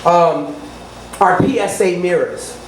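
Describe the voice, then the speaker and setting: Slow and expressive, with a lowish voice, a middle-aged businesswoman from New Orleans talks up her consulting services as an interview guest. She wanders from point to point, name-dropping and mentioning God, in a salesy tone captured in an echoey room with faint noise.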